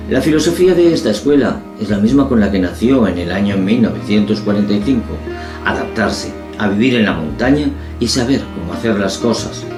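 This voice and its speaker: A man hosting an interview, opening with a measured, formal introduction before his first question. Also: on the low side, roomy sound. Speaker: interviewer and host. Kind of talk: scripted introduction then interview.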